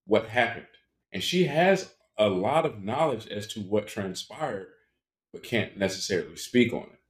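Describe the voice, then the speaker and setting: A man with a very low voice, talking in a measured, reflective way as a guest on a casual podcast. His voice carries a roomy echo from his space. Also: animated. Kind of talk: casual discussion.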